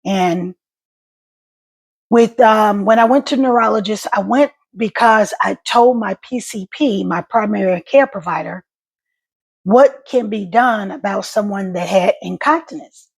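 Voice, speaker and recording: A woman talks casually and directly to her online viewers. Her voice is husky and full of fry, with a wet gargle to it as she speaks. Her speech is a little halting, with small stutters. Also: mid-range voice. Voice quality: gravelly, husky. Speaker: vlogger and stroke survivor. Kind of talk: casual personal vlog to viewers.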